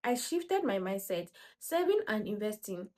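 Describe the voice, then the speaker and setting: A woman's voice: medium pitch, big pitch swings, normal speed, a little mellow. A woman gives casual, motivational finance talk to camera. She speaks emphatically and repeats her points. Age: 20s. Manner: emphatic, repeats points, acts out quoted voices. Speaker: personal finance vlogger.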